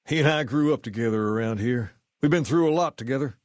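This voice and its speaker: Man acting as self-assured gang leader, rock-and-roll king type, mid-pitched male voice, folksy phrasing, measured, easygoing, video game dialogue, dry studio sound. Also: no echo, lightly acted. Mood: relaxed, folksy. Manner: folksy, colloquial, measured delivery. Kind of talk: scripted game character dialogue.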